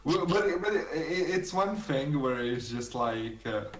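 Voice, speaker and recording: Slow, halting male game master. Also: fairly high pitch, expressive, far from the mic, soft background music. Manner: hesitant, stammering. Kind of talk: narrating a tabletop game. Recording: echoey room, off mic.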